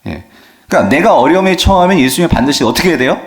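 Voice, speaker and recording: A man's voice: on the high side, sing-song, racing. A man preaching a sermon as pastor, asking the congregation questions and dropping frequent affirming fillers.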